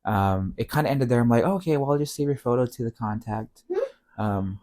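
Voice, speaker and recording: A middle-aged man speaks as a podcast guest. He tells his story casually, rambling and leaning on fillers. His voice sits at an ordinary pitch for a man. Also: brisk. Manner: relaxed, rambling with many fillers.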